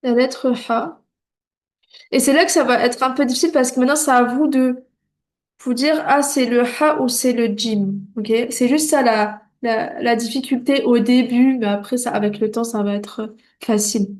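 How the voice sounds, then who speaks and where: A woman with a fairly high, darkish voice teaches beginners to read Arabic in a beginner lesson. Patient and reassuring, she sounds out each syllable slowly and clearly, one at a time, and checks in often.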